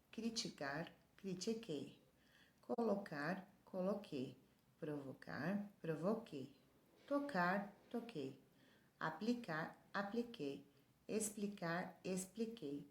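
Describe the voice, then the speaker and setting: A woman's voice: fairly low pitch, echoey room. A woman teacher reading a workbook lesson aloud to her pupils, spelling out letters and listing words one by one.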